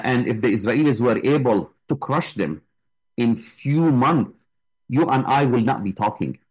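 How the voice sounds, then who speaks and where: A man's voice: mid-range voice, darkish tone, breathy edge, rough recording. A man, a guest speaking with passion and emphasis in an interview. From Gaza. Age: 60s. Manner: impassioned, emphatic. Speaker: guest, flotilla volunteer. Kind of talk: interview answers.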